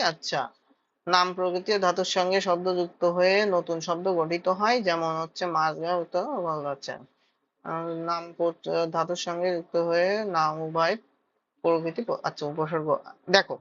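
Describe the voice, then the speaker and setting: A woman's voice: mid-range voice, pushed and bright, dull audio. A woman teaching a grammar lesson for exam preparation, explaining step by step and checking that students follow.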